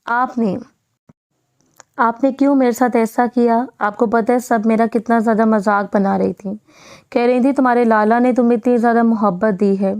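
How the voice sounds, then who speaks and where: A woman's voice: on the high side, steady tone, darkish tone, dry recording, natural voice. A woman reading the lines of a pouting, tearful teenage bride who complains to her husband. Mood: sulky.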